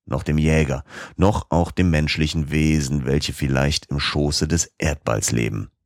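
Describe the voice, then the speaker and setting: A man voicing an elderly professor from an audiobook, stubborn and excitable, who explains things firmly. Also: rumbling low, unhurried, dry recording, clean studio sound. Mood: coolly lecturing. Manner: lecturing, firm.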